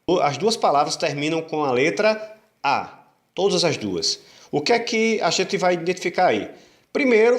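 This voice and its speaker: A male teacher giving an online grammar lesson, patiently repeating rules, asking rhetorical questions and drawing out syllables slowly to show stress. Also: high-pitched. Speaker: Portuguese teacher.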